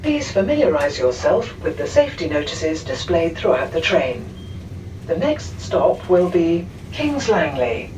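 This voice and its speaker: A woman's pre-recorded train announcement played over a loudspeaker, with a clear, measured delivery. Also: on the low side, big pitch swings. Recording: distant train loudspeaker with train noise.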